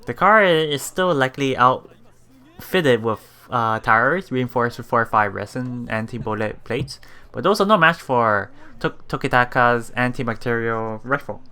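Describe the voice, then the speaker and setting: A man doing a let's play, reading visual novel text aloud haltingly, with stumbles, self-corrections and casual asides. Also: medium pitch, animated, pushed and bright, clean tone.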